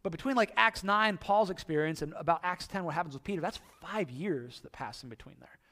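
A high-voiced male pastor preaching to his congregation. He tells the story with animated energy and slips into the voices of the people he quotes. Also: fairly quick. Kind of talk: sermon. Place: church.

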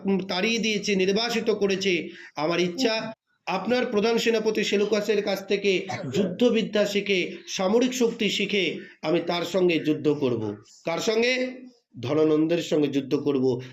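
A man giving a literature lesson, reading lines of a play aloud and stopping often to explain words and quiz his students. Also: sits high. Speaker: teacher.

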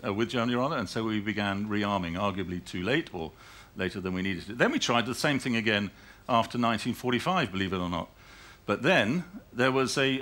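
On a conference hall stage, a middle-aged British man from the United Kingdom speaks on a panel, rambling, restarting sentences and adding laughing asides. He has a British English accent and a fairly low, fairly bright voice.

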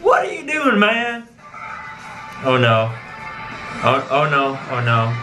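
A man's voice: mid-range voice, huge pitch swings, slow pace, loud music behind the voice, low-quality recording. A young man in a small room, casually reacting to clips on webcam, laughing a lot and exclaiming in disbelief. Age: young adult. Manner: keeps exclaiming "what?" with frequent laughter.

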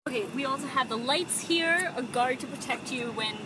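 A woman's voice: high-pitched, normal speed. A young woman, a social media editor, chattily explaining step by step as she films herself on her phone outdoors in the city. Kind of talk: casual phone-filmed walkthrough. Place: outdoors on a busy city street. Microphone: phone at arm's length. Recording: loud street noise around phone audio. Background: traffic and city street noise.

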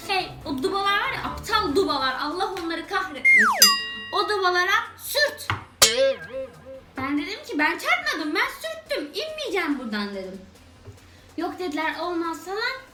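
High-voiced woman telling a comic story. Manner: animated, exclaiming, laughing between lines. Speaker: vlogger. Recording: echoey room with background music.

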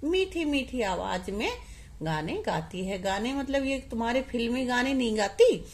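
A woman's voice: expressive, moderate pace, slightly rough. A young woman teaching a children's Hindi lesson, patiently coaxing and asking questions, then answering them herself. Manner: mimics the cuckoo's call in a high voice.

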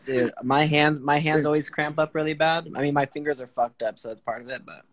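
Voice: medium pitch, fairly even intonation, fairly quick. A guest joining a livestream by phone video call, chatting casually and laughing easily. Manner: laid-back, laughs easily.

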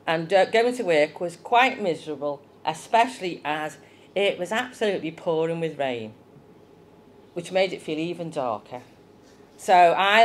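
Chatty woman, lower voice. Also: a little hiss or hum. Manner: chatty, asks the children questions. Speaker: children's talk leader. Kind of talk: informal children's talk in church. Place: church.

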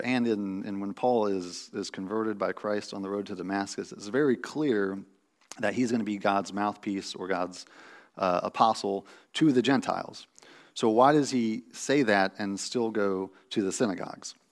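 A man in his thirties preaching a sermon from a pulpit in a church sanctuary, teaching conversationally with restarts and fillers. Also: lowish voice. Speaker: pastor.

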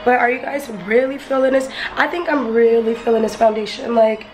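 In a brisk, flat delivery with a slightly high pitch, a young woman chats playfully and with slang about her beauty room, her voice hoarse and partly gone. This casual vlog is filmed on a handheld camera at arm's length, indoors at home and outside in the wind, with noisy audio.

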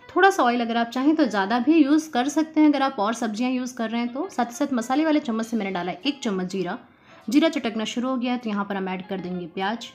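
A woman's voice: fairly high pitch, darkish tone. A woman hosting a home cooking tutorial, talking viewers through each step in a friendly, chatty way. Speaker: cooking channel host.

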